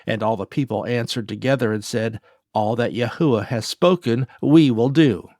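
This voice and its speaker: A man giving a measured, solemn scripted reading of scripture. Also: medium pitch, darkish tone, dry recording, studio quality. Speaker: scripture reader.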